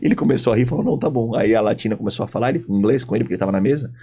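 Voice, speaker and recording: A Brazilian man with a Brazilian Portuguese accent, a podcast guest telling lively anecdotes and acting out the dialogue. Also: on the low side, rapid-fire, breathy edge. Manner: animated storyteller, acts out dialogue in voices. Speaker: guest, logistics sales executive. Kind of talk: casual podcast interview storytelling.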